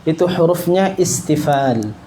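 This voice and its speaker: A man teaching Quran recitation rules to children in a classroom lesson, slowly repeating syllables for them to copy. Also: on the high side, expressive, dark tone, a little hiss or hum.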